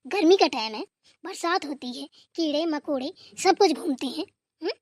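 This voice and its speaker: A woman's voice: sits high, animated, moderate pace, dry recording, studio quality. A woman voicing a grumpy older mother-in-law who nags and scolds in a comic family skit. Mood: scolding. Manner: bossy, nagging scolding.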